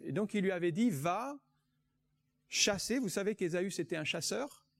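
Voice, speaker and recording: A man delivers a sermon in a notably high voice. He reads scripture aloud and preaches with emphasis, drawing out the words he wants to land. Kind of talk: sermon with Bible reading.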